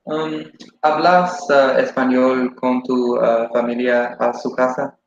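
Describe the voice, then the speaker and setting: A young man interviewing in slow, halting speech full of fillers and restarts. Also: medium pitch, level tone. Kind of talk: casual Spanish interview. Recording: roomy, dull lo-fi recording with faint noise.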